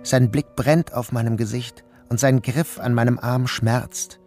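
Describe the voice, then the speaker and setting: A mid-range male voice, a little slow and a little mellow with fairly even intonation, narrates an audio drama in the first person. The actor plays a troubled man describing a dreamlike ordeal, sounding grave and intense yet close to everyday speech. Soft music plays behind him.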